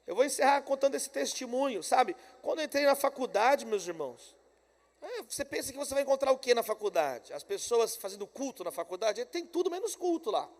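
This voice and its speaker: A Brazilian man preaching a conference sermon, telling a story with energy and swinging between loud calls and quiet asides. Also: very high voice. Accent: Brazilian Portuguese. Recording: long hall reverb.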